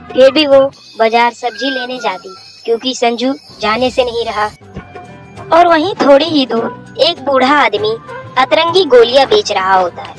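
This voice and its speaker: A woman with a fairly high voice reads a scripted bedtime story for children as the narrator, with soft music playing in the background.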